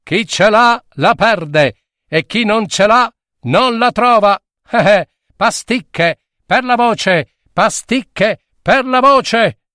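A man voicing a loud male street charlatan who cries his wares in a sing-song way. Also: sits high, animated, takes it slowly, dry recording, clean studio sound, voice pushed up, full character voice. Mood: hawking.

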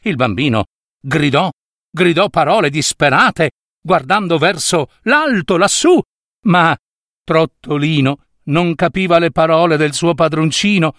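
A man's voice: a little high, expressive, measured pace, a bit bright, no echo, clean studio sound. A man narrating a fairy tale in a theatrical way with playful asides. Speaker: storyteller. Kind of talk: expressive storybook narration.

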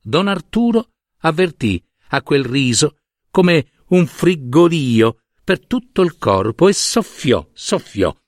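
Expressive male audiobook narrator. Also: a little high, slow pace, dry recording. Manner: expressive storyteller's delivery. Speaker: reader. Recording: dry close studio sound.

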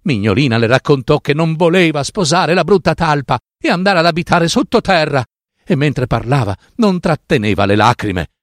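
A man reading a fairy tale aloud with a slow, sing-song, dramatic delivery on a close mic. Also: a little high, expressive, no room sound. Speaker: storyteller.

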